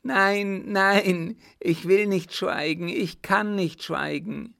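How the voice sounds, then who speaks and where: A wailing, half-mad young baron cries out in high, strained bursts, as a male narrator puts him on. His voice carries a gravelly edge and drags slowly through the raving. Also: full character voice. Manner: shrill, wailing, anguished outbursts.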